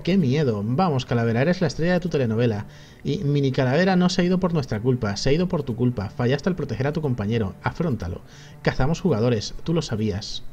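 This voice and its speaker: A man's voice: medium pitch, mellow, lo-fi sound, natural voice. A man reading game dialogue as a smug young male reaper with a taunting, sarcastic manner.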